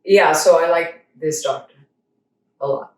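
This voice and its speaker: A chatty woman hosts a relaxed conversation, telling stories with plenty of self-quoting. She sits a little away from the mic in an echoey room, and her voice sits slightly lower than most. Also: a little slow, far from the mic. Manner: chatty storyteller, acts out what others said. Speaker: host. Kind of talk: casual chat.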